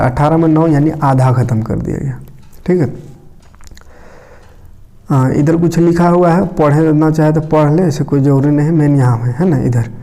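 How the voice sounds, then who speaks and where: A man's voice: on the high side, warm tone. A man from Jharkhand with a Jharkhand Hindi accent, teaching casually and often checking in with his listeners. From India. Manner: conversational, tag phrases like "okay" and "isn't it". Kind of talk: casual explanatory lesson.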